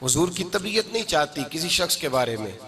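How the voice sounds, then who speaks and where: A man preaching an impassioned sermon, swelling into shouts and a sing-song cadence. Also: on the high side, very animated, brisk. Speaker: Islamic preacher. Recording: live gathering with audible crowd.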